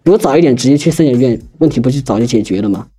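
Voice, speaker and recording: Young male storyteller, rapid and rambling, mellow husky tone, lots of restarts. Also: mid-range voice, animated, soft background music. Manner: rambling, hesitant, with many restarts. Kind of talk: casual spoken personal story.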